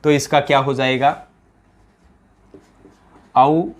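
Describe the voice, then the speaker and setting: A man's voice: mid-range voice, level tone, takes it slowly. Man with a Rajasthani accent, drilling a grammar lesson. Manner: drills answers by repeating questions; addresses students as "companions". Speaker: teacher. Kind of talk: exam-prep grammar lesson.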